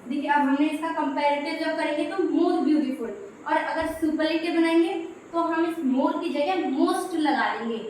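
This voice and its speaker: A woman's voice: sits high, measured pace, a little mellow. A woman teaching English grammar in Hindi, explaining step by step in a patient classroom manner. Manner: explains step by step, repeating "dekhiye". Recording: very echoey room, faint background noise.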